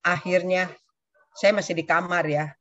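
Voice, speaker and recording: Older woman sharing a lively testimony. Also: on the low side, moderate pace. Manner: animated storyteller who acts out quoted speech. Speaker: church community member giving a testimony. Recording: dull, dry lo-fi recording.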